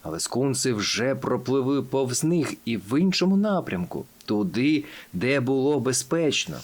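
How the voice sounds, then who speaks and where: A man reading a children's audiobook aloud in an animated, expressive storytelling manner. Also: mid-range voice, measured pace. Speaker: audiobook narrator.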